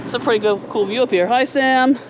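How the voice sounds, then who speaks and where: A man's voice: high-pitched, rapid-fire. A man hosting a casual, hands-on DIY vlog about RV life, talking to viewers outdoors with noise around him. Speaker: RV vlog host. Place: outdoors at an RV, partly on its roof. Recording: noisy outdoor recording with hum and traffic.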